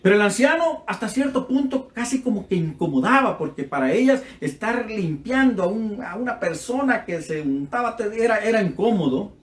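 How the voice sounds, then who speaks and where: High-voiced preacher in an echoey room. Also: male voice, animated, moderate pace, few pauses. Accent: Central American Spanish. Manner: impassioned, acts out dialogue in his stories. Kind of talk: sermon.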